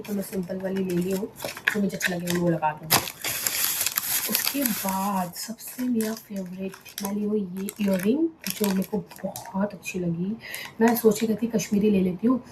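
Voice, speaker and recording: A young woman talks her way through her packing at home at night, musing aloud in a relaxed, chatty way. She often drops her voice to a hush, close to a whisper. The room rings with echo and a steady background noise sits under her. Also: mid-range voice. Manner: chatty, thinking aloud, mixing in English words. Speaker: vlogger. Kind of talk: casual packing vlog chat.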